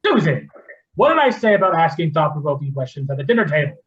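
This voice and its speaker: A man's voice: on the high side, very animated, fast talker, a bit bright, lo-fi sound. A man doing a rambling, flustered old-fashioned dad. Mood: fatherly. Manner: flustered, easily sidetracked, stammering. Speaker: father in a comedy sketch. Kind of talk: amateur comedy sketch acting.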